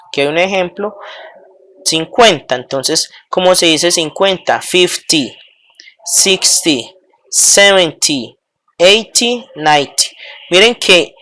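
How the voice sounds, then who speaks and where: A woman's voice: sits low, fairly bright tone. A woman, teaching a lesson and patiently drilling numbers one at a time. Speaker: English teacher. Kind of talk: slow classroom lesson counting aloud.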